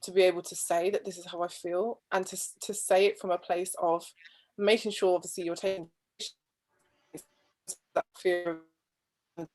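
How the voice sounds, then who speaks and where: A woman's voice: on the low side, flat delivery, normal speed, long pauses, a little mellow, rough recording. Woman speaking over a video call. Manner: thoughtful and earnest, with frequent restarts and trailing phrases. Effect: heard over a video call with a patchy connection. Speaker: guest speaker on marriage. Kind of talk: conversational discussion.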